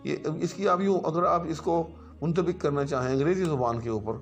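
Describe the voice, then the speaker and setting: A man teaching Arabic grammar in a patient lecture, who often checks in with "right" and recites word forms slowly one after another. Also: on the high side, faint music behind. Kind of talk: explanatory lecture.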